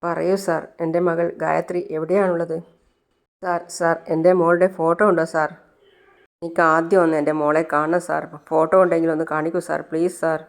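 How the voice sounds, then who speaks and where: A woman's voice: deep voice, level tone, brisk. A woman voicing an anxious, grieving older father who pleads with repeated "sir" to learn where his lost daughter is. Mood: pleading.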